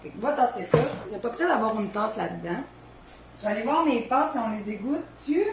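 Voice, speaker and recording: Speaking quickly in a slightly high voice, a Beauce-accented Quebec woman in her thirties makes casual kitchen chat while cooking at home, rambling with family off camera. Her kitchen echoes, and a steady noise runs behind her.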